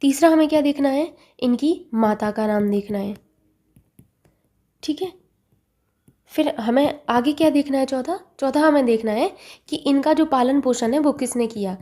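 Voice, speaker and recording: A woman teaches an exam-prep lesson with a warm, mellow tone and a fairly high pitch. She asks a short question, answers it herself, and repeats the key word so it sticks. She talks close to the mic. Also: normal speed.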